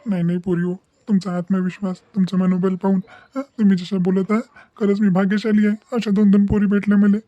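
A man voicing a worried, tearful village father, speaking slowly and solemnly in a cartoon. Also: sits high, level tone, mellow, dry recording, muffled recording, lightly acted. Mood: tender. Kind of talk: cartoon voice acting.

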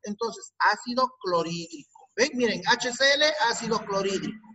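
High, bright-voiced male chemistry teacher. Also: expressive, normal speed, a little hiss or hum, rough recording. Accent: Peruvian Spanish. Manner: questioning, repeats answers, drills students. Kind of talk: online class lesson.

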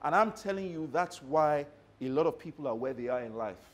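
A man's voice: a little high, a little fast. A man giving a live motivational workshop talk to staff, telling stories and often checking that the audience follows him. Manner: animated storyteller who checks in with the audience. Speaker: motivational trainer.

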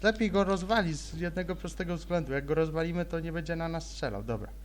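Chatty, higher-voiced young man gaming. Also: fast. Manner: chatty, rambling, near-constant chatter. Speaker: let's-play gamer. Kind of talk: casual gaming commentary. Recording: faint noise, game sound behind.

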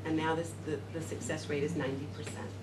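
Low-voiced and fast, with little movement in pitch, a woman rambles informally to a seated classroom audience, stumbling through fillers and restarts. A far-off camera records the noisy, echoing room.

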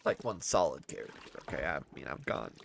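A man playing a survival game and commenting to himself, muttering, cursing and jumping into loud bursts. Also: a bass voice, lively intonation, fairly quick, creaky, slight background noise. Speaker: gamer. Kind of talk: let's play commentary.

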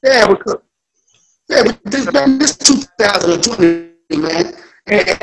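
A young man with a high voice rants over a video call, fired up, profane, and tripping over his own restarts. It is loose casual chat with friends. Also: poor audio. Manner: excited, profane, stammering restarts. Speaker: panelist.

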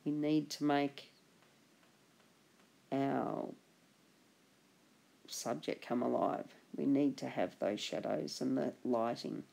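Very deep and slow, with long pauses, a woman's voice narrates a drawing lesson in a relaxed, chatty voice-over. She's an art instructor whose chest infection makes her sound husky and gravelly, yet her tone stays encouraging as she trails off and restarts thoughts.

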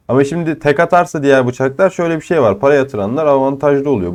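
A young man with a cold, giving casual, excitable commentary over his own shooter gameplay, swearing and teasing opponents. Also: medium pitch. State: ill with a cold. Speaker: gaming channel host.

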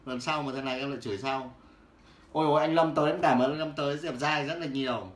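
A man, hawking goods on a casual livestream, loud and teasing as he calls out viewers by name. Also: mid-range voice, steady tone, fast talker. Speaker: livestream seller. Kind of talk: casual livestream sales patter. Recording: roomy with faint background noise.

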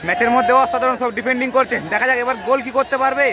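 High-pitched excited male football commentator. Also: rapid-fire. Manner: excited, urgent, repetitive exclamations. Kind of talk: live penalty shootout commentary. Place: outdoor football ground during a match. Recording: noisy outdoor stadium with loud crowd. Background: loud crowd and noise.

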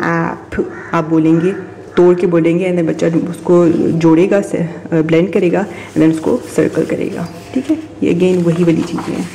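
Low gravelly woman explaining a homeschool curriculum. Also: warm tone, slight background noise. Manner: mixes Hindi and English, many fillers, demonstrates words aloud. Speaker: homeschooling parent reviewing a curriculum. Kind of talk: casual curriculum walkthrough.

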